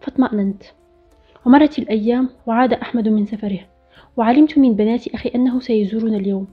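A woman narrating a story in the first person, reading a steady scripted account. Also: a little high, fast talker, slightly rough. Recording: dull lo-fi recording with faint music.

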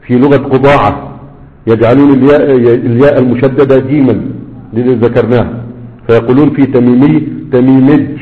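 Egyptian man lecturing over a tinny line. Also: mid-range voice. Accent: Egyptian Arabic. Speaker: teacher. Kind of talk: classroom lecture, reading a text aloud and explaining it. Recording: tinny phone-like audio in a long-reverb hall.

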